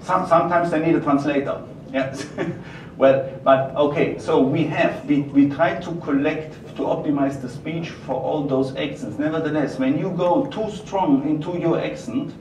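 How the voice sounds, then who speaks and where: An echoey, distant recording of a man with a strong German accent presenting at an event. He speaks at a middle pitch and answers questions haltingly, repeating phrases as he goes. Clear noise sits behind him. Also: steady tone, darkish tone. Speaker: company presenter taking audience questions. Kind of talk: live product presentation and Q&A. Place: roomy event venue. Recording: echoey, noisy room from far off.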